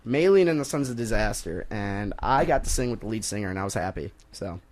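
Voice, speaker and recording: A young man hosting a casual sports talk radio show, joking and rambling between topics and quick to laugh. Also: on the low side, animated, a little mellow. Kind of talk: casual college radio banter.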